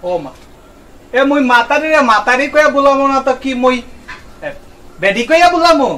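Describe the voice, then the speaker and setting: A man's voice: very high-pitched, lively intonation, normal speed, bright, forceful tone, full character voice. A man with a Barishal accent playing a boastful husband in a comedy skit, blustering and pleading by turns. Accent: Barishal Bengali. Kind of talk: comedy short film acting.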